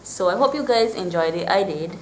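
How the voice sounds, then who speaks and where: Talking to the camera in a relaxed vlog style, this twenty-something woman speaks with a Barbadian (Bajan) accent. Her medium-pitched voice is expressive and runs a little fast. The small, bare-walled indoor room gives a roomy echo, with faint noise in the background.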